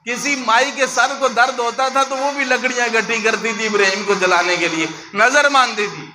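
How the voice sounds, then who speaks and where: A man's voice: very high-pitched, moderate pace. A man, a mufti, preaching a sermon as a story and acting out the people he quotes with voice changes. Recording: clear steady background noise.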